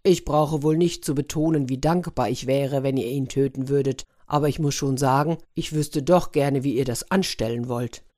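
A woman's voice: extremely low pitch, normal speed, hardly any pauses, mellow. A woman voicing a grumpy, sarcastic man trapped in a turtle's body, in a storybook reading. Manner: irritable, sarcastic.

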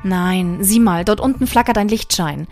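A woman's voice: medium pitch, moderate pace, darkish tone, soft background music, lightly acted. A young woman playing a determined explorer in an audio drama, speaking urgently and often dropping to a whisper. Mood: tense determined. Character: young woman Amanda, brave leader in a haunted castle.

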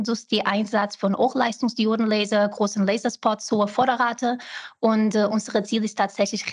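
A woman in her thirties from Portugal, speaking German with a Portuguese accent as a non-native speaker, interviewed over a video call, often pausing to search for words. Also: fairly high pitch, slightly rough. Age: 30s. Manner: searches for words, frequent fillers. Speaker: guest researcher. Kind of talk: remote interview.

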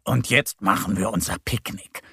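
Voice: deep voice, moderate pace, gravelly, bright, forceful tone, slightly rough, no echo, clean studio sound, voice pushed down, exaggerated voice. A reader doing a shy, stammering bear cub. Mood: timid. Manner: hesitant, nervous, stammering. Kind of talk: children's story reading.

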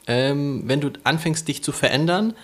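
Husky-voiced man telling stories casually. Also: a little high, moderate pace. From Hamburg area, Germany. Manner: animated storyteller acting out quoted voices. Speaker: podcast co-host. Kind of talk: casual chat.

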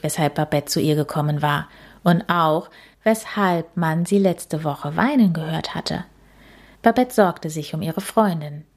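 A woman narrating a storybook in a soft, expressive way, dropping at times into a hushed, breathy tone. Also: deep voice. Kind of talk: storybook reading.

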